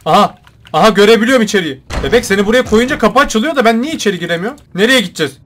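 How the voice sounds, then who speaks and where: High, bright-voiced excitable young gamer guy. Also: racing. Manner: excitable, shouts and jokes at game characters. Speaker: gaming YouTuber. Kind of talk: let's play commentary.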